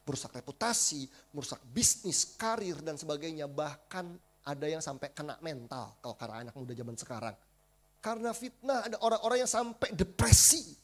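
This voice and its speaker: A male pastor, preaching a sermon in a chatty, animated storytelling manner and often addressing the congregation directly. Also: a little high. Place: church service.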